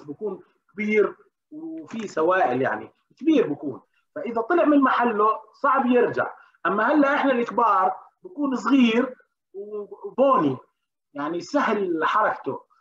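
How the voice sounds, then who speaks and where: A man giving an interactive medical lecture, often questioning the class and pausing with hesitations. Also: high voice, fairly bright tone. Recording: dull lo-fi recording.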